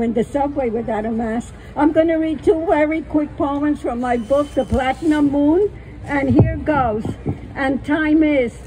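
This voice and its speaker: An older woman poet reads her own poems into a stand-mounted stage microphone on a small outdoor stage under trees at a festival, adding friendly, plain-spoken asides. Her high-pitched voice is a little mellow, and the audio quality is poor.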